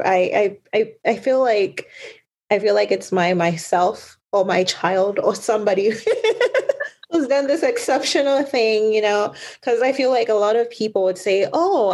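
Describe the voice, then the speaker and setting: A woman's voice: fairly high pitch, measured pace, a little mellow, breathy edge. A woman from Zambia hosting an interview, asking questions in an encouraging way with lots of fillers. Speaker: interviewer, host. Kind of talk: conversational interview.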